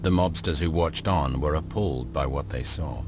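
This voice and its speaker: Deep-voiced man narrating a documentary. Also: normal speed, heavy background noise. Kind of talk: scripted narration.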